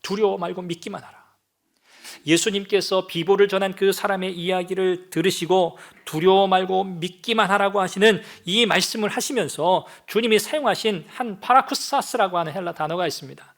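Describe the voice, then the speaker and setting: A man's voice: high-pitched, fairly quick, few pauses, fairly bright tone. A man, a pastor, preaching a Sunday sermon with rhetorical questions and acted-out quotes. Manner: dramatic, rhetorical questions, acts out voices.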